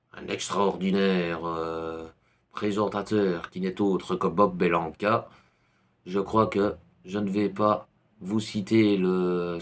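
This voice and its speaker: A man from Belgium with a Belgian French accent, casually recommending books with a rambling manner and many hesitations. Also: fairly low pitch. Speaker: YouTuber reviewing books.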